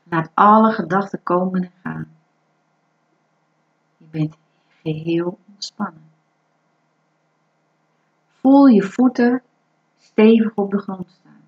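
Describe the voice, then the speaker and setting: A woman guiding a breathing meditation in a calm, soothing, instructive way. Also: medium pitch. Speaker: meditation guide. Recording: dull lo-fi recording.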